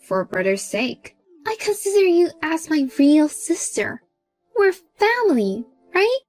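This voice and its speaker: A woman's voice: sits high, sing-song, slow, a little mellow, soft background music, full character voice. A woman doing a smug, pushy young sister-in-law. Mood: pleading. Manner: smug, demanding, then pleading. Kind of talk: storybook character voice.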